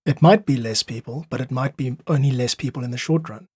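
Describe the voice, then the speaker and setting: Here an independent musician from South Africa, guesting on a podcast, explains his thinking with earnest clarity and frequent analogies. He speaks fairly quickly in a mid-range voice with a breathy edge, captured as clean studio sound without any room tone.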